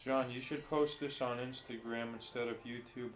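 A man's voice: medium pitch, fairly even intonation, normal speed, slight background noise. Joking young man hosting game banter. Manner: joking, fake talk-show call-ins, rambling anecdotes. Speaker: gaming video host. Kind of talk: casual banter while playing a party game.

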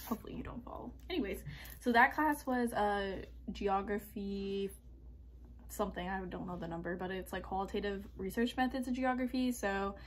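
A woman's voice: medium pitch, moderate pace, slight background noise. A woman, chatting casually to her phone camera in a student vlog, upbeat and full of fillers. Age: 20s. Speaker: college student vlogger.

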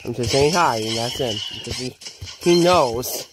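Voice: medium pitch, moderate pace, heavy background noise. A gamer giving casual, rambling gameplay commentary, chatting to themself and to viewers. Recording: loud game music behind the voice. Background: loud game music.

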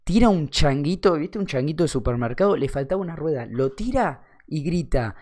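This funny anecdote comes from a young man whose Rioplatense Argentine accent carries a slightly high, darkish voice. He's animated and a little fast, swearing and slipping into slang as he tells it.

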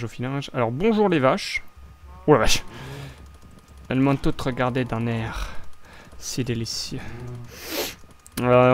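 Young man, French accent, casual gameplay commentary, rambling, mid-pitched voice. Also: slight background noise. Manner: rambling, chatty, frequent restarts and fillers. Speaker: Minecraft let's play host.

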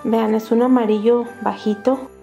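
This toy channel host is a woman with a Latin American Spanish accent whose voice is on the high side and a bit creaky, at a moderate pace. Music plays behind her as she excitedly unboxes toys and narrates crafts in a bright, sing-song way, addressing children with diminutives.

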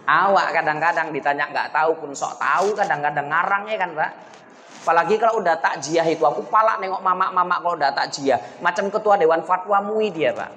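A man's voice: fairly high pitch, a little fast, a bit bright, long reverb tail, slight background noise. A man preaching a humorous sermon in a mosque. He jokes with the crowd and keeps calling out to them as sir and ma'am. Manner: joking, chatty, addresses the crowd as Pak and Bu. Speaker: Islamic preacher.

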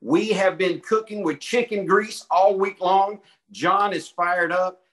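A man's voice: high voice, steady tone, slow pace, fairly bright tone. A man in his late fifties with a Southern twang, hosting a business call with folksy, enthusiastic hype. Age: 50s. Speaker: call host. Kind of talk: hyped conference call intro.

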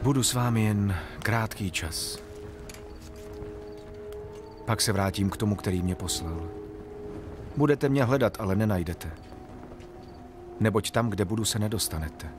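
A man voicing Jesus as a calm, authoritative teacher, speaking in a solemn, measured way over soft music in a Bible story. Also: fairly low pitch, natural voice. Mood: proclaiming.

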